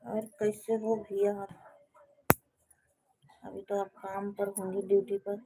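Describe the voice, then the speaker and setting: A woman casually chatting with viewers on a live stream, speaking softly and hushed from a balcony at home. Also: medium pitch, flat delivery, takes it slowly, a little hiss or hum, low-quality recording. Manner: speaks softly and hushed to avoid waking others.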